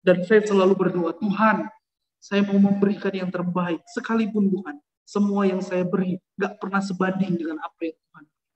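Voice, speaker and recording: A man from Indonesia preaching an impassioned testimony, fervent, keeps speaking straight to the listeners, swinging between loud and soft. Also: high-pitched, fairly even intonation, normal speed, reverberant, dull audio. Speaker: preacher giving a conversion testimony.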